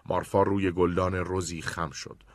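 A man narrating a radio drama in a measured, even storytelling voice. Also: deep voice. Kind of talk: scripted narration.

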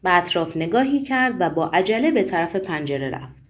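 A woman narrating a novel aloud in a measured, even reading style. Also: fairly low pitch. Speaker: audiobook narrator. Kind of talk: storybook narration.

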